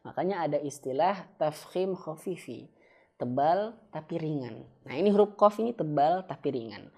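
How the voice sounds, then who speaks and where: In an online lesson, a man teaches Quran recitation, patiently demonstrating each sound with slow, drawn-out recitation and calling viewers friends and parents. His voice sits on the high side, animated and a little mellow.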